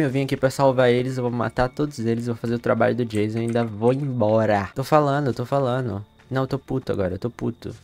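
A young Brazilian man streaming a horror game, chatting casually, swearing a lot and breaking into loud panicked yells. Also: mid-range voice. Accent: Brazilian Portuguese. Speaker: gamer streamer. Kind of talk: live gameplay commentary.

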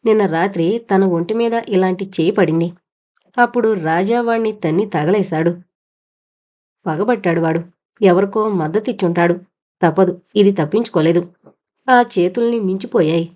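A woman narrating an audio novel in a measured storytelling manner. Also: medium pitch, a little mellow.

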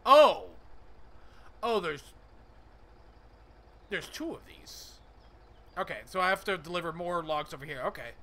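A man's voice: a little high, moderate pace, long pauses, bright, forceful tone. A young man hosting a gaming channel, giving casual let's-play commentary and reading menu items aloud as he plays. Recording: game vehicle noise behind.

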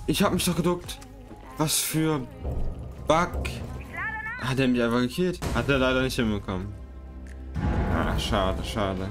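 Young German-speaking gamer guy, mid pitch, excitable, self-mocking, game music and gunfire loud behind. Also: measured pace, pauses often. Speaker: gaming YouTuber. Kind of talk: casual gameplay commentary.

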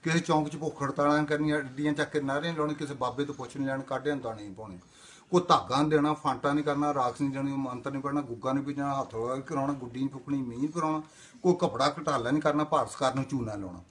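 An older man from Indian Punjab delivering rapid-fire rhyming comic patter, chanting long rhythmic lists in a sing-song. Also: mid-range voice, fairly even intonation. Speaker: comic monologue performer.

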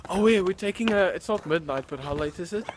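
A man's voice: high voice, lively intonation, fast. A young man with a South African accent chatting casually as a vlogger, swearing freely. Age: young adult. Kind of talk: casual vlog chat with swearing. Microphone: handheld camera at arm's length. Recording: noisy handheld camera audio.

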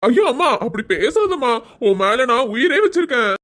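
A soft-hearted young husband fusses and coaxes in gentle baby talk, as a woman acts him out. His cartoon voice is high and very lively, swinging up and down as he soothes. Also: moderate pace, very noisy. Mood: coaxing. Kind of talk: cartoon serial voice acting.

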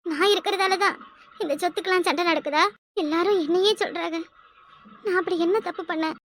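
A fretful, complaining cartoon village wife, voiced by a woman. Her voice is extremely high and fast, with a southern Tamil Kanyakumari accent. She laments and grumbles as she talks. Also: steady tone, fairly bright tone. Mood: lamenting. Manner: complaining, lamenting, exclaims to herself. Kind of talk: cartoon voice acting.

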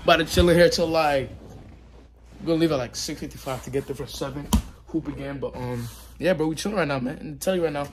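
A man's voice: fairly high pitch, quick pace. A young man chatting casually to his vlog in slang, saying bro constantly, on a noisy handheld recording. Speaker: vlogger at a basketball camp.

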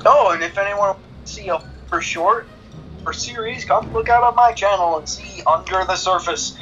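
A man's voice: high voice, normal speed, fairly bright tone, highs cut off, faint music behind. A man joining a gaming session as a guest, chatting casually in a joking, playful way. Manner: joking, playful, silly interjections. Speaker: guest player. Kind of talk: casual gameplay chat.

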